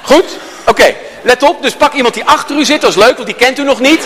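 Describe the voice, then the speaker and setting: A man's voice: very high voice, fast talker. A man giving an interactive workshop talk to a live audience, joking and telling stories as he coaches the room. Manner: animated, joking storyteller who addresses the audience. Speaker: workshop speaker. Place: large hall with an audience. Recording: long hall reverb.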